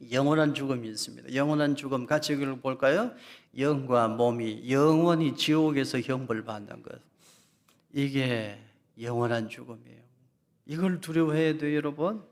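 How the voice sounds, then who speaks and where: A man's voice: a little high, a little mellow. A man preaching as a pastor in an emphatic Sunday lecture sermon, repeating key phrases and speaking straight to his congregation. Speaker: senior pastor. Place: church sanctuary.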